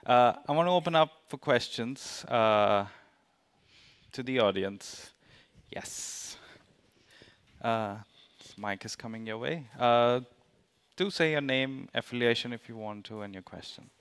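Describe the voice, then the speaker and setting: A man moderating a panel discussion, handing questions to speakers in a relaxed way. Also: mid-range voice, measured pace, clear, resonant tone.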